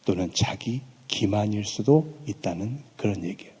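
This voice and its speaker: A man preaching a sermon in a chapel, telling a story with animated, acted-out dialogue in everyday slang. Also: lowish voice, moderate pace, breathy edge. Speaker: pastor. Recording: long hall reverb in a chapel.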